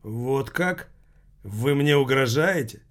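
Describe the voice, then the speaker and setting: A man's voice: medium pitch, expressive, takes it slowly. Man doing an irritated, bluffing diner. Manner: irritated, insistent.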